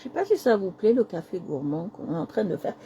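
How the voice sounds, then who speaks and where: A woman hosting a casual live craft stream, hoarse with a cracking voice, speaking softly and apologizing often while repeating herself. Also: medium pitch, very animated, fast talker, muffled recording, slight background noise.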